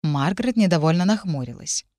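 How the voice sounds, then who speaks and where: A woman reading a first-person story aloud as narrator, in a steady, measured manner into a close microphone. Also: fairly low pitch, no echo. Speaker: audiobook narrator. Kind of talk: scripted narration.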